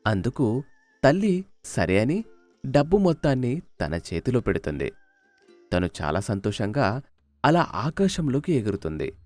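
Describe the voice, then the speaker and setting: This is a man narrating a children's cartoon story. His delivery is expressive, with a pitch that swings widely around a mid-range voice. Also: unhurried, long pauses, no echo, soft background music.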